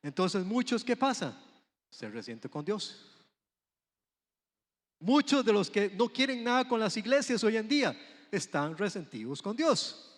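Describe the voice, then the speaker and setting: High-voiced Costa Rican preacher in a hall. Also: male voice, very animated, unhurried, long pauses. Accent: Costa Rican Spanish. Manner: conversational preaching, asks the congregation questions. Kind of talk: sermon. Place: church sanctuary. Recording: long hall reverb.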